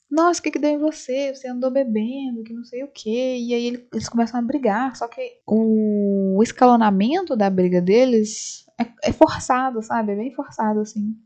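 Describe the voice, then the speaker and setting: In slightly dull lo-fi sound, a film reviewer speaks from home right after the cinema, casually narrating the movie scene by scene for her channel. She performs the characters' lines in a mellow voice on the high side.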